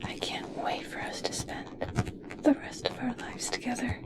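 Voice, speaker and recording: In a slow, breathy, intimate ASMR roleplay whisper, a woman plays a scientist who is obsessed and possessive yet tender. Her voice is on the high side, with wildly swooping pitch.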